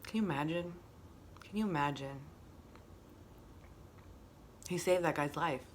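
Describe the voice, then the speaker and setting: A woman's voice: deep voice, a little slow, slight background noise. A woman hosting a casual motivational monologue, reflective and repeating phrases for emphasis. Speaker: host.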